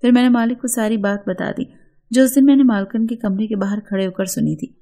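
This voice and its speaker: A woman with an Urdu accent reading a first-person story in a steady, earnest storytelling manner. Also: fairly high pitch, fairly quick.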